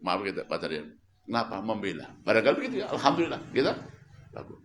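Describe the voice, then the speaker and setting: A man preaching a sermon at home, telling a story with lively questions to his listeners. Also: on the low side, fast talker. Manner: lively storytelling, questions the audience and repeats words. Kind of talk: sermon to a local congregation. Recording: roomy echo.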